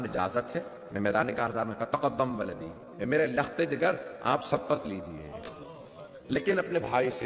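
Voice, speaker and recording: A man's voice: mid-range voice, creaky, a bit bright. A male cleric giving an emotive devotional sermon to a gathering, building to impassioned peaks and often checking the crowd's response. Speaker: Shia cleric preacher. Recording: echoey hall with long reverb.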